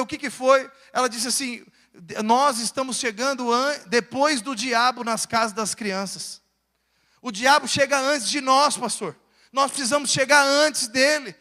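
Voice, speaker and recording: Brazilian pastor, male, fervent preacher, sharp bright tone, reverberant church hall. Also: extremely high pitch. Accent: Brazilian Portuguese. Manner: preaching with rising fervor. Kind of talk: sermon. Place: church sanctuary.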